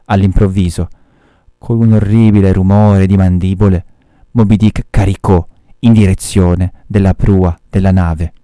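A man, a teacher, reading a novel aloud to his students at a measured pace, pausing to explain the story. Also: low-pitched, fairly even intonation, warm tone, smooth, no echo, clean studio sound.

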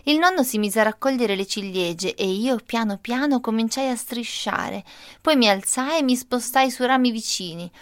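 A woman reads a children's storybook aloud in an expressive, lively way. The sound is close and dry. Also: fairly high pitch, normal speed, no room sound. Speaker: narrator.

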